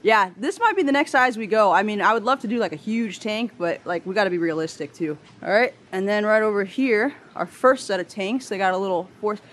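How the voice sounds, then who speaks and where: Low-pitched, enthusiastic woman vlogging. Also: expressive, fairly quick, hardly any pauses. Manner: enthusiastic, exclaiming. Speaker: vlogger touring a store. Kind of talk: casual vlog chat with slangy reactions. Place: indoor aquarium store room full of tanks. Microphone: handheld camera mic, close to the speaker.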